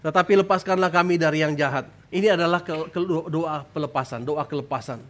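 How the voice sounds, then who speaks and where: High-voiced man preaching a sermon. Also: a little fast, a bit bright. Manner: emphatic preaching, often tags lines with "saudara"; voice jumps high when crying out prayers. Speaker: pastor. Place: church stage.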